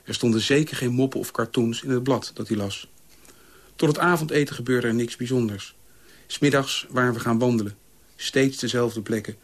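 A man reading a personal memoir aloud in a calm, measured way. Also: medium pitch. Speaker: reader.

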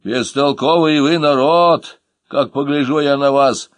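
A man voicing an old peasant nanny woman who scolds loudly in a folksy way, in an audiobook. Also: medium pitch, animated, unhurried, dry recording, lightly acted. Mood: grumbling. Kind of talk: audiobook character voice.

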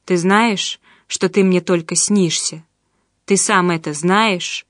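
A woman's voice: lowish voice, steady tone, slow pace, no echo, studio quality. A woman voicing a dazed, detached man. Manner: indifferent, drowsy.

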